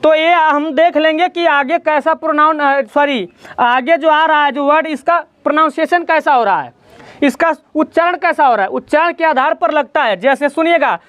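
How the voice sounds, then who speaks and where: A man's voice: very high-pitched, moderate pace, fairly bright tone, no room sound. A man teaching a grammar lesson in a classroom, explaining step by step and quizzing his students as he goes. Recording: dull lo-fi sound.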